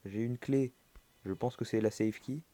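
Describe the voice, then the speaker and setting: A man's voice: medium pitch, normal speed, dark tone, no room sound. A man giving casual horror game commentary, reacting aloud like a jumpy, scared streamer and talking to the game as he plays. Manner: talks to the game's objects and characters.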